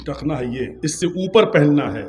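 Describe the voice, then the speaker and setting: A male preacher giving an impassioned sermon from a stage, telling a story and rising into shouts. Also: a little high, lively intonation, slight background noise. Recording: reverberant hall with faint music.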